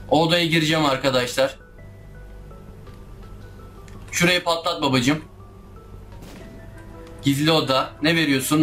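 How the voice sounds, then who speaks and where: A high-voiced man narrating his own gameplay, easily riled, cursing and pleading with the game. Faint game music plays under his voice. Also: fairly bright tone. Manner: frustrated, swears often and talks to the game. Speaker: gaming YouTuber. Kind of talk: casual let's-play commentary.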